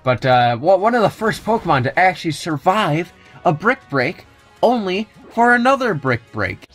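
A man's voice: sits high, big pitch swings, moderate pace, fairly bright tone, faint music behind. Young guy doing chill gameplay commentary, lots of dry jokes and little laughs. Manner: joking, chuckling, wry asides. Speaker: video game commentator. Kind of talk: let's play commentary.

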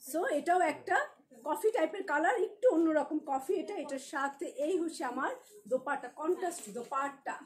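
A woman's voice: high-pitched, fairly quick. A woman with a Bangladeshi Bengali accent, a shop owner selling clothes on a live stream, chatty and joking as she greets viewers by name.

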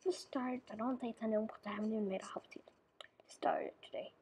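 Someone narrates a game tutorial in a loose, rambling way, full of fillers, mumbles, whispers and self-corrections. The voice is mid-range, a little mellow and fairly even, delivered fast over a rough recording with slight background noise.

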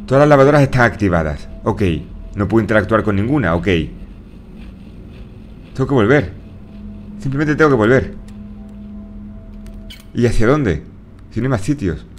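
A man with a Spain Spanish accent giving live commentary while playing a horror game, talking to himself, jumpy and swearing often. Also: fairly low pitch. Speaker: gaming streamer.

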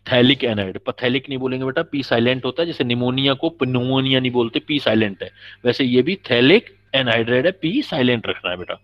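Quizzing his students and explaining patiently, a man delivers a chemistry lecture in class with a mid-range, expressive voice. He talks fast with few pauses, captured on a dull lo-fi recording.

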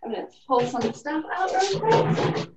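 Chatty woman, high voice, echoey kitchen. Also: expressive, unhurried, distant mic, lo-fi sound, heavy background noise. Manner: chatty, lots of fillers like "like" and "kinda". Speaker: cooking instructor. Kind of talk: casual cooking demonstration. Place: home kitchen in an old apartment. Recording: echoey room, voice off-mic.

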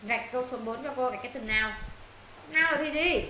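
A woman teaching an English lesson to her students, walking them through answers and firing quick questions to check they follow. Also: high-pitched, bright, forceful tone. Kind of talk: classroom lesson explaining answers. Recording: roomy echo, faint noise.

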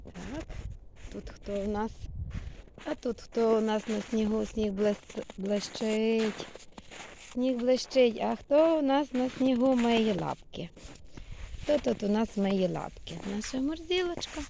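Woman cat owner, unhurried cooing pet talk, slightly gravelly, phone-recorded outside. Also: on the high side, mellow, slight background noise. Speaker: cat owner filming her cats. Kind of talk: casual vlog, baby talk to pets. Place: outdoors in a snowy yard by a house.

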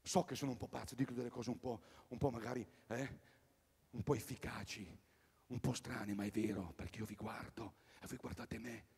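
A man doing a rambling stand-up comedy routine at a live concert, swinging between loud bursts and mutters. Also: medium pitch, steady tone, normal speed, vocal fry, slightly rough, big-room sound. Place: outdoor tennis courts at a live event.

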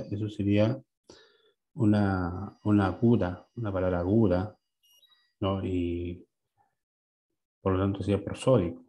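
A male teacher in a classroom who leads a lesson, asks students frequent questions and repeats words slowly. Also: deep voice, mellow.

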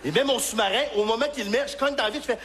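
A male stand-up comedian from Quebec with a Québécois accent, telling stories on a live stage and shouting his punchlines. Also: extremely high pitch, very fast. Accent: Québécois French. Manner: animated storytelling with shouted punchlines.

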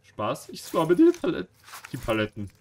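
A man giving live gameplay commentary, jumpy and anxious, swearing and mocking himself, swinging from low mutters to sudden shouts. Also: wildly swooping pitch, normal speed, a little hiss or hum. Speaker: gaming streamer.

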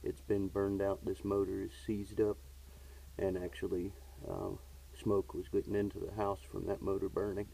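He sits low and monotone at normal speed, with a gravelly yet warm voice that's slightly rough, as this HVAC technician plainly walks through a repair step by step using frequent fillers. The low-quality recording comes from a camera in his hand while he works in the basement furnace area and workshop.

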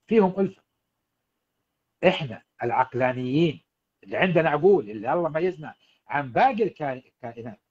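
A man's voice: medium pitch, a little mellow, dull audio. Earnest man coaching husbands. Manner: earnest, exhorting, addresses husbands directly. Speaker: marriage coach. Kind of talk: livestream advice talk. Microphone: livestream setup.

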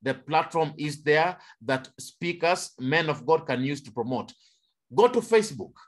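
A man's voice: on the high side, animated, unhurried. A man from Kenya on an online panel, speaking in a preaching manner and asking rhetorical questions.

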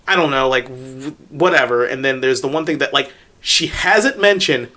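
A man in his forties co-hosting a podcast, loud and emphatic, swearing and laughing in casual chat. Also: medium pitch. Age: 40s. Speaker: podcast co-host.

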